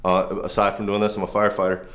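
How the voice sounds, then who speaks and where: Deep-voiced man explaining band training. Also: completely flat delivery, fast talker, fairly bright tone. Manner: earnest, rambling explanations with restarts. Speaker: firefighter and trainer. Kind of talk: casual instructional demo. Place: home garage gym.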